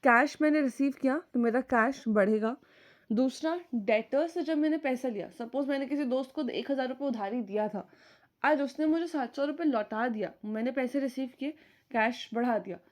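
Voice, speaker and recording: A woman teaching an online accounting class, her voice sitting a little on the high side. She walks through each point step by step and keeps checking with her students whether it is clear, slipping English terms into her explanations. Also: moderate pace. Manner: mixes English terms into Hindi speech. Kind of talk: recorded online lecture.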